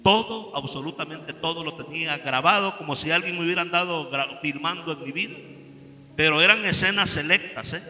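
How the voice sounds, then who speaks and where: Bright-voiced Mexican man preaching in a church. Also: on the high side, fairly quick. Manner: impassioned, swinging between hushed and loud. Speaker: church testimony speaker. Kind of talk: preaching testimony. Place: church hall. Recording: long church-hall reverb.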